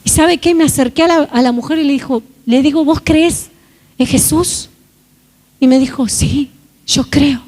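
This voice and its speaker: A woman preacher with a high-pitched, somewhat dark voice speaks at a normal speed, fervently sharing a testimony. Her sermon moves from storytelling into a closing, fervent prayer.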